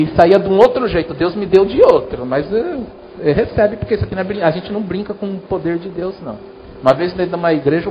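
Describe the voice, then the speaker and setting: A man's voice: sits high, lo-fi sound, a little hiss or hum. A Brazilian man, a pastor, giving a sermon in a church in a chatty style, talking straight to the congregation. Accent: Brazilian Portuguese. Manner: conversational preaching, addresses congregation directly.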